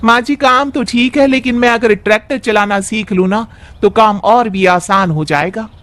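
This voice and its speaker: Man as a high-pitched, dutiful young daughter-in-law. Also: normal speed, a bit bright, no echo. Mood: reassuring. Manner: respectful, reassuring, earnest.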